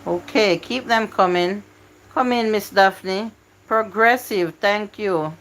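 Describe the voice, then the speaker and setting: This is a woman running a word game on her live stream. She talks slowly, with a mid-range voice, and coaxes and pleads with her viewers to type in their answers. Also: medium pitch, fairly bright tone, a little hiss or hum, rough recording.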